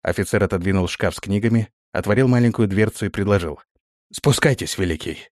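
A man narrating a fantasy story in a steady storytelling manner, voicing the characters. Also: lowish voice, quick pace, dry recording, clean studio sound. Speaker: audiobook narrator.

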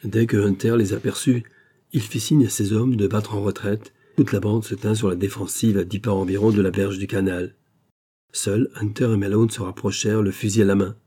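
A male audiobook narrator with a husky, dark voice, pitched somewhat low. He reads steadily and measuredly, in plain scripted narration. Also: steady tone, moderate pace.

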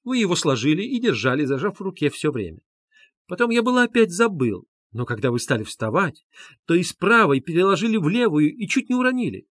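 A high, loud, excitable young man, put on by a male reader insists on what he saw and repeats himself in a heated rush. His voice climbs well above an ordinary tone and sits close and dry in a storybook reading. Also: normal speed, husky, no room sound. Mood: insistent. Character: excitable indignant young man, earnest witness.

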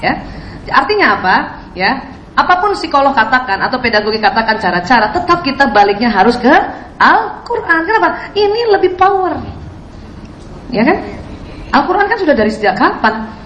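Woman preacher, high voice, quizzes the audience, echoey hall, faint background hum. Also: big pitch swings, normal speed, long pauses, fairly bright tone, dull audio. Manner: questions the audience. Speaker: Islamic preacher. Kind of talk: sermon to women.

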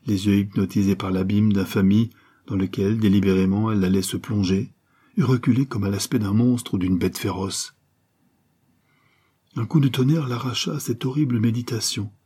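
A man reading a classic novel aloud as an audiobook narrator, in a measured, grave storytelling manner. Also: fairly low pitch, warm tone, breathy edge. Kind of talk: dramatic literary narration.

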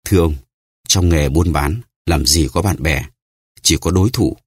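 A man's voice: very deep voice, moderate pace, husky, no room sound, clean studio sound. A man voicing a ruined, grief-stricken merchant who talks in a choked, solemn way in an audiobook. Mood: grieving.

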